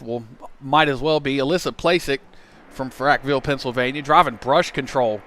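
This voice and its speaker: A man doing play-by-play commentary from a booth at a motorsport event, chatty and getting excited when trucks crash. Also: a little high. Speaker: race commentator. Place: commentary booth at a fairground track.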